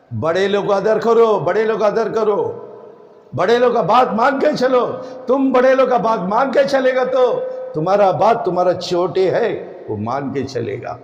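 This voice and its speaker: A male preacher delivering a sermon in a slow, emphatic style, repeating his warnings. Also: high-pitched, highs cut off. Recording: echoey hall, roomy reverb.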